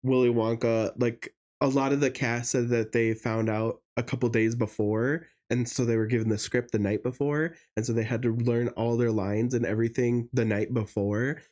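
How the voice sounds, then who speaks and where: Man, young adult, warm mellow tone, podcast co-host, chatty and gossipy, casual. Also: medium pitch, steady tone, moderate pace, hardly any pauses. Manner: chatty, gossipy, many fillers. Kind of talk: casual chat.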